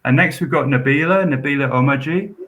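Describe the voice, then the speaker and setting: A university student support officer hosts a live Q&A, rambling and hesitant, with frequent ums, restarts and repeated expressions of hope. His medium-pitched voice is a bit bright and a little fast.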